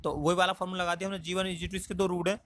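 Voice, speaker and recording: A male maths teacher works through a circle problem on the board step by step, asking rhetorical questions and pausing with thinking fillers. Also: high-pitched, little pitch movement, a bit bright, no echo. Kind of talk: whiteboard maths lesson.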